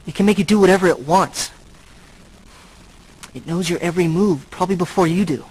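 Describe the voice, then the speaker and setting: A male actor voices a brooding, tormented yet noble vampire centuries old in a video game, speaking gravely, haltingly, and earnestly with a pained, confessional mood. His voice is high with a darkish tone and close to everyday speech, over slight background noise and poor audio.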